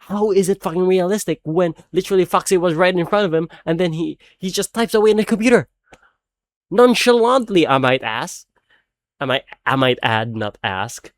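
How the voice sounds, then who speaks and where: A man's voice: high-pitched, moderate pace, dry recording. A man, not a native English speaker, animatedly retelling a film's plot in a casual rant, swearing often and laughing as he talks. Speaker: video creator reviewing a film.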